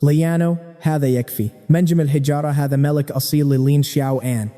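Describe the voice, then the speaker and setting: A man's voice: on the high side, quick pace, long reverb tail, close to an everyday voice. A man reading a firm old village chief. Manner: firm, calm.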